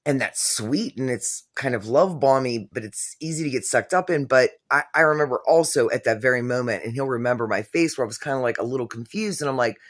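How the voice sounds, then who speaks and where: This is a middle-aged woman vlogger recounting something personal to camera in a very low voice. Her delivery is loose and meandering, packed with filler words, and she keeps correcting herself as she goes.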